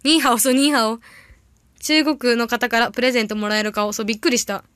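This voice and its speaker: Chatty high-voiced young woman livestreaming. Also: fairly even intonation, fairly bright tone, clean tone, no room sound. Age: young adult. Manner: chatty, rambling, quick reactions to comments. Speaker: idol audition candidate livestreaming. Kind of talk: casual livestream chat reading viewer comments.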